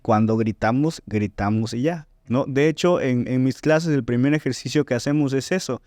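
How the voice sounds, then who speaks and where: A man's voice: mid-range voice, moderate pace, a little mellow, no echo, clean studio sound. A man, a voice teacher and singer explaining technique in a podcast interview, often checking in with "¿no?" and "¿sí?". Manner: didactic, frequent "¿no?" and "¿sí?" check-ins.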